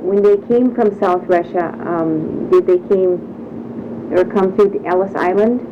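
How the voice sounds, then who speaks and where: A woman volunteer interviewer asking gentle prompting questions with soft fillers. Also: on the low side, measured pace. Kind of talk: oral history interview. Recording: muffled lo-fi with hiss.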